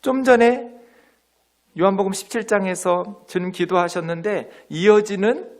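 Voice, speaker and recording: A middle-aged male pastor preaching a sermon in a church, lively, sometimes dropping to soft near-whispers. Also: sits high, normal speed. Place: church sanctuary.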